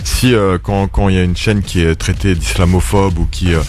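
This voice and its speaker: A man speaking as a guest in a casual radio panel discussion, quick and hesitant, with many restarts. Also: low voice, fairly even intonation, a little mellow, soft background music.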